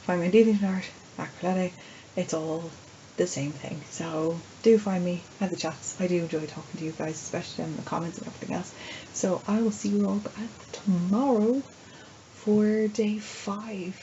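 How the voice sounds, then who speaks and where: A woman's voice: on the low side, normal speed, dark tone. An Irish woman chatting casually to her viewers in a rambling, playful, self-deprecating video diary. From Ireland. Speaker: vlogger and writer. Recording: dull lo-fi sound, faint background noise.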